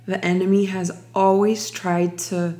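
Slow, reflective young woman from Ukraine. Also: medium pitch, level tone, warm tone. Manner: slow, reflective, many restarts. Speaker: guest sharing testimony. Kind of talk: personal testimony interview.

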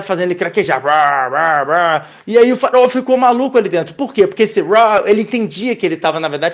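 A man giving a casual, animated Torah lesson, expressive and full of Hebrew terms. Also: sits high. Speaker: Torah teacher.

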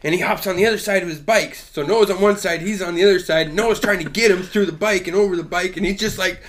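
A man's voice: high voice, quick pace. A young adult man in casual chat, telling a rambling story with frequent laughs and casual swearing.

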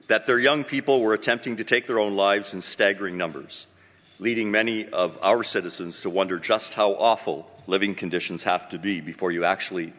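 Grand, low-voiced male announcer in a hall. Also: fairly bright tone. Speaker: club president hosting a luncheon event. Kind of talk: formal speech introducing a public event. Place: hotel meeting hall. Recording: muffled microphone in a reverberant hall.

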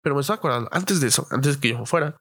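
A young man telling a story in a loose, rambling way, peppered with slang, swearing and fillers. His voice sits at an average pitch for a man. The recording is dry and close, with no room sound. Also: expressive, rapid-fire, a bit bright, husky, no echo. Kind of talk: casual anecdote telling.

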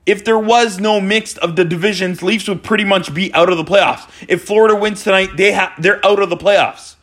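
A man in his forties ranting exasperatedly as a hockey fan after a loss, sometimes shouting. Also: high-pitched, steady tone, moderate pace. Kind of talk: post-game fan rant.

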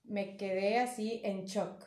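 A woman's voice: medium pitch, fairly even intonation, slow, darkish tone. A woman with a northern Mexican accent, chatting casually as a podcast co-host. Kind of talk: casual conversational chat. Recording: roomy echo, faint music.

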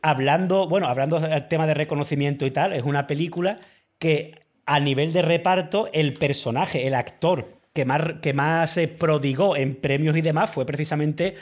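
A man co-hosting a podcast chats casually and enthusiastically about films, packing his talk with slang and filler words. His pitch is fairly high and he speaks at a normal speed.

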